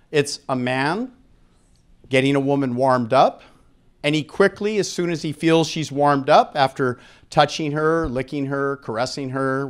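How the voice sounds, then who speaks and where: A middle-aged American man with a medium-pitched voice gives an expo seminar, speaking to a live audience through a handheld microphone. He is frank and emphatic, pausing for effect and asking the room questions.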